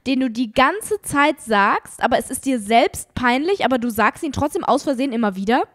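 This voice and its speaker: A woman's voice: sits high, lively intonation, moderate pace, no echo, studio quality. A young woman co-hosting a casual podcast, giggly and self-mocking, laughing often while she chats, a little sick with a sore throat. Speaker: podcast co-host. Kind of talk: casual chat.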